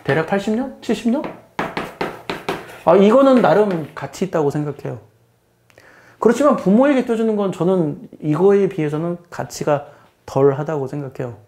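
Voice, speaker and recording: A middle-aged male teacher talks through a lesson in a mellow, somewhat high voice. He keeps a plain explaining tone, repeats himself for emphasis and often asks the listener questions. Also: animated, normal speed, long pauses. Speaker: math teacher and lecturer. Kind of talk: casual spoken lecture.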